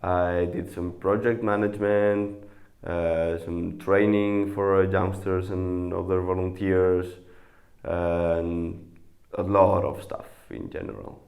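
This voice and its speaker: Young man with a low gravelly voice. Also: little pitch movement, darkish tone. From Spain. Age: 20s. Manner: halting, many pauses and fillers. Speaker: volunteer. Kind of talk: interview to camera.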